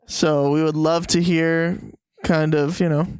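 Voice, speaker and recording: A man's voice: fairly high pitch, level tone, a little slow, a little mellow, smooth, no room sound. A man hosting a songwriting podcast, teasing his guest with dry humor. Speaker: podcast host. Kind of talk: casual podcast chat.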